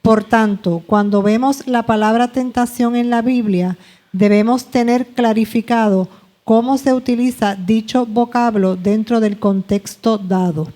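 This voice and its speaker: Mellow-voiced woman reading aloud in class. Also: on the high side, unhurried. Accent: Puerto Rican Spanish. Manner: steady, careful reading. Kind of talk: reading a study text aloud.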